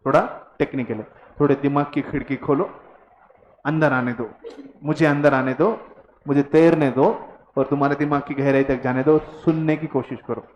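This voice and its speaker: A man's voice: mid-range voice, fairly even intonation, moderate pace, reverberant, highs cut off, a little hiss or hum. A man teaching a commerce class, mixing Hindi and English and teasing his students. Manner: mixes Hindi and English, drills students to repeat words. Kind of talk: classroom lecture.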